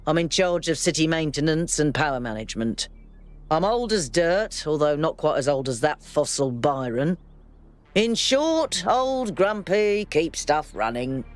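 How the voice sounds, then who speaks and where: A man playing a grumpy old robot engineer in a video game, gruff, irritable and sardonic. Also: a little high. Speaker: game character. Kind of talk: video game character dialogue.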